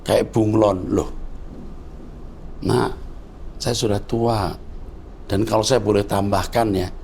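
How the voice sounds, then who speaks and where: A man's voice: on the low side, fairly even intonation, slow, darkish tone, slight background noise. A man in his sixties, a pastor answering viewer questions in a fatherly, lecturing way. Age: 60s. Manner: fatherly, lecturing, calls listener "Nak". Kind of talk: conversational teaching.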